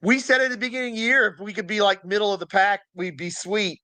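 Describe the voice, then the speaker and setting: High, smooth-voiced man talking sports. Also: steady tone, pushed and bright. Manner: measured, reasoned points with easy laughs. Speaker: co-host. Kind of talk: casual sports podcast chat.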